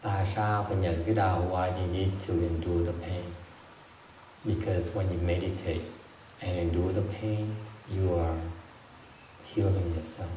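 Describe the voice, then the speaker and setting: A man gives a dharma talk in a meditation hall, telling stories with a joking streak. His voice is mellow and dark, picked up from a distance. The room adds a roomy echo over a faint hiss. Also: low-pitched, steady tone, measured pace. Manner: joking, anecdotal storytelling. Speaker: Buddhist meditation teacher.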